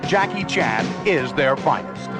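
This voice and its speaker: A man delivers a dramatic movie trailer voice-over in short, punchy lines, his voice sitting a little high. A blaring score and booming artillery fire roll behind him the whole time. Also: expressive, over loud music. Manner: slow, punchy announcer delivery. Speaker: trailer narrator. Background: loud score and artillery fire.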